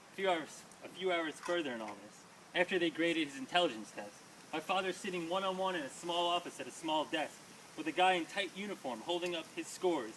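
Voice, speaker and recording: At a small reading in front of a live audience, a man performs his poetry in a fairly bright, higher-pitched voice. He speaks with emphasis and rhythm, tossing in casual remarks, while the distant microphone captures plenty of room noise.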